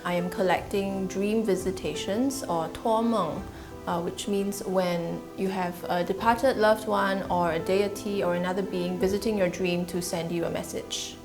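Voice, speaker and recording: A woman from Singapore, an artist who explains her work in a measured way for a documentary. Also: mid-range voice, fairly even intonation, music in the background. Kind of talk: documentary interview.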